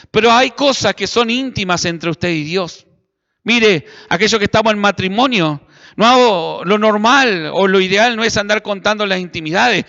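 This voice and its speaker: A man's voice: high voice, pushed and bright. A man with an Argentine accent preaching a fervent sermon as pastor, calling on his congregation to respond. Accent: Argentine Spanish. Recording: echoey hall, dull lo-fi sound.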